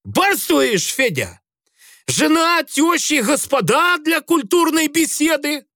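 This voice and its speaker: A man voicing a drunk, insolent sailor who jeers, shouts and swears coarsely. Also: sits high, big pitch swings, takes it slowly, no room sound, studio quality, voice pushed up, heavily acted. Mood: angry shouting.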